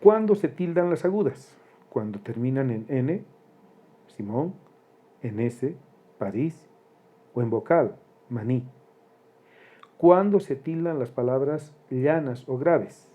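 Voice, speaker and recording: A man teaching a grammar lesson, slow and deliberate, spelling out syllables one by one. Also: medium pitch, lively intonation, phone-quality sound.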